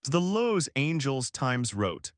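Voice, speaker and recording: A man reading a scripted documentary narration in a measured, dramatic storytelling manner. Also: medium pitch, big pitch swings, no room sound, clean studio sound.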